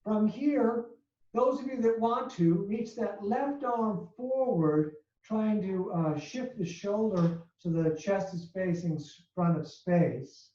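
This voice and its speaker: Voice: medium pitch, takes it slowly, warm tone. A yoga instructor leading a live class, calling out poses and breathing cues one step at a time, a little out of breath from talking through the flow. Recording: dull, roomy sound from far off.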